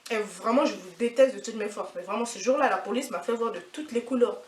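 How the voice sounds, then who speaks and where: A woman's voice: on the high side, fairly quick, crowd noise. A woman in her twenties telling a story in a casual, indignant, slangy way, repeating herself for emphasis. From France. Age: 20s. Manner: indignant, animated, repetitive slangy retelling. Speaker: vlogger. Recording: echoey room, mic at a distance.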